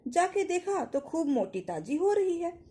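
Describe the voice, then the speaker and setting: A woman voicing a scheming, sharp-tongued young daughter-in-law in a folk tale, speaking in a quarrelsome, pointed way. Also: extremely high pitch, sing-song, unhurried, pitched above the performer's own voice, heavily acted.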